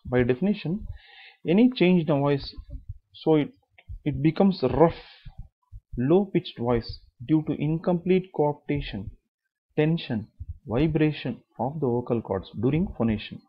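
A man's voice: on the high side, animated, a little slow, breathy edge, lo-fi sound. Man explaining a medical lecture. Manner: explanatory, repeats key terms, asks and answers own questions.

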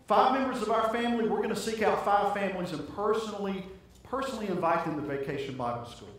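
A man's voice: high voice, animated, fast. A male pastor delivering a sermon in an earnest, conversational way, repeating words for emphasis. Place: church sanctuary. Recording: very echoey church, heard from a distance.

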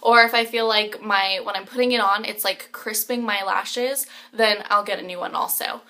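A woman's voice: mid-range voice, steady tone, moderate pace, bright, forceful tone. A young woman chatting casually about makeup in her home kitchen, rambling with many fillers. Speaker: beauty vlogger. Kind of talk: casual chat.

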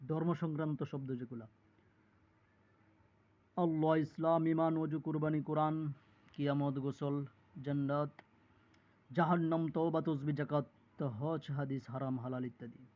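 A man's voice: fairly high pitch, steady tone, a little slow, pauses often, muffled recording. A man teaching an exam-prep lesson, reading lists of words aloud with small self-corrections. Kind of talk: reading and explaining a word list for exam study.

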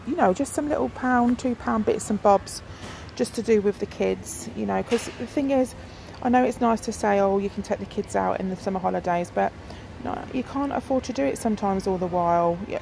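A shopping vlogger, a middle-aged woman, talks casually while filming aisles in a big discount shop with her phone, thinking aloud and using lots of ums. She has a mid-range, darkish voice with vocal fry, and the shop ambience is noisy.

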